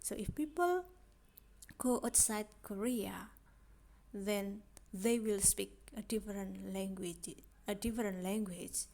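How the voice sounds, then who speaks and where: An Indonesian woman who lectures on language speaks slowly in a recorded online lecture captured by phone screen recording. Her medium-pitched voice is creaky and a little mellow, and she's unhurried, repeating points and asking rhetorical questions with frequent "yeah."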